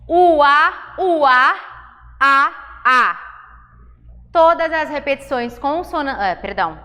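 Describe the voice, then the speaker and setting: A woman's voice: sits high, bright, forceful tone. A woman teacher with a Brazilian Portuguese accent, giving a classroom lesson and quizzing her students with questions as she explains. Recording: echoey hall from far off, noisy.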